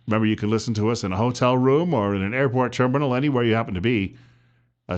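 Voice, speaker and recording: Smooth, low-voiced male radio host. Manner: smooth radio host delivery, reading station breaks and plugs. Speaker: radio talk show host. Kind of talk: live talk radio hosting.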